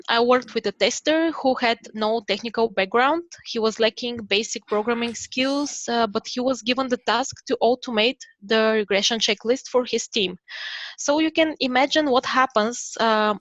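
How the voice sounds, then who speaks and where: A woman from Bulgaria presents a prepared talk in a steady, slightly careful way. Her voice sits a little high and sounds dry, with no room around it. The dull, muffled call audio takes the top off her voice. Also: normal speed, no room sound. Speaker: conference speaker. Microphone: video call.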